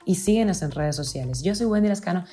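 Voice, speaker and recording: A woman hosting a news podcast, reading the day's headlines in a steady, clear delivery. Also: lowish voice, fast talker, music in the background.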